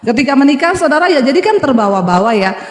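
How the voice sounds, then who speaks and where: A high-pitched woman pastor with a Sulawesi Indonesian accent preaches to her congregation, telling stories with humour. Her voice echoes through a large church hall. The reverb hangs on long after each phrase. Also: sing-song, fast. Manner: humorous storytelling, addresses congregation. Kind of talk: sermon.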